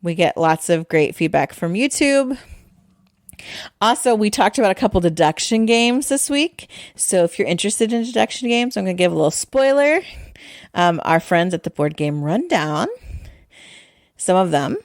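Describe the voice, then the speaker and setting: Chatty woman podcast cohost rambling on, dry close mic, middle pitch. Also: lively intonation, moderate pace, dry recording. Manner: chatty and rambling, self-deprecating. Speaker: podcast co-host. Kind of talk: casual chat.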